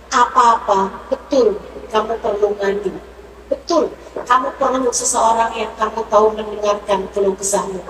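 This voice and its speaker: A woman's voice: medium pitch, a little hiss or hum. A woman preacher giving an intimate, emotional sermon in casual speech, now and then chanting Arabic verses. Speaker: religious teacher. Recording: echoey hall, voice from far off.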